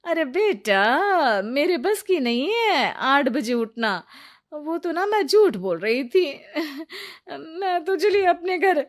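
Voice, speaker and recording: A woman's voice: high voice, big pitch swings, slow pace, exaggerated voice. A woman voicing a lazy, scheming middle-aged mother-in-law in a cartoon story, making sly excuses. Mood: huffy. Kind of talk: cartoon voice acting.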